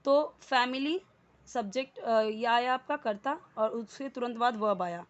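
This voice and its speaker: Slow, patient woman teacher. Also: fairly high pitch, highs cut off. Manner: slow, patient, explains word by word with fillers. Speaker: English teacher. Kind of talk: Hindi-medium English lesson.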